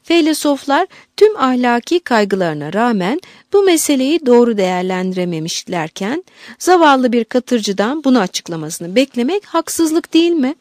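A woman's voice: fairly high pitch, very animated, moderate pace, a little mellow, no room sound, clean studio sound. Woman reading an audiobook aloud. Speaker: narrator. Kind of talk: audiobook narration.

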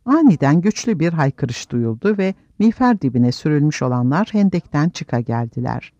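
A man narrating a fantasy audiobook, his voice fairly high and very lively as he builds the drama. It is a dry, slightly dull recording without any room sound. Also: normal speed, no echo. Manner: dramatic storytelling delivery.

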